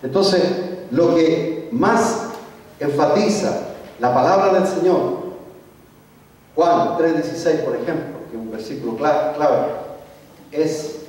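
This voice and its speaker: A man's voice: a little high, slow pace, pauses often, darkish tone. A man leading an evangelism workshop in a church, teaching conversationally and often repeating or correcting himself mid-sentence. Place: church hall. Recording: echoey church hall, mic far off.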